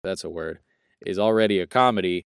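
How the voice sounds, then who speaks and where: Brisk and gravelly, a young man's low voice carries his rambling, jokey take as co-host of a casual film review podcast, where he often stops to correct himself mid-sentence. The tone is clean, with no echo and studio quality.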